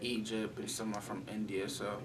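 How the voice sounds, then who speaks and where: A man's voice: on the low side, level tone, normal speed. A young male student giving casual, rambling interview answers. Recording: distant mic, noisy.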